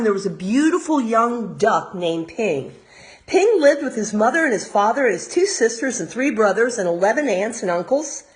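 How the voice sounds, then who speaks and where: Pausing to explain things simply, an American teacher of young children gives an expressive storybook reading. Her voice is a little high.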